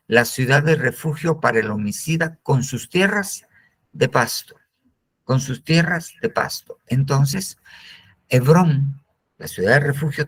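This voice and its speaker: A man's voice: mid-range voice, husky. A man with a Guatemalan Spanish accent teaching a Bible discipleship class, repeating phrases for emphasis.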